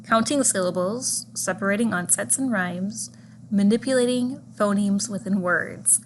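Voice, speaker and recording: A woman delivers a scripted lecture in a measured, clear voice of middling pitch. She slows down to spell out example words and single sounds. A steady hum of noise sits behind her voice in the recording. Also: poor audio. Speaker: teacher educator. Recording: audible background noise.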